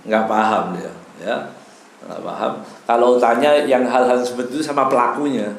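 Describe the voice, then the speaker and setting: A man's voice: medium pitch, steady tone, normal speed, vocal fry. A man giving a casual evening lecture in a mosque, teaching with Arabic phrases mixed in and acting out quoted voices with humor. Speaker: religious teacher. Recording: echoey hall, faint background noise.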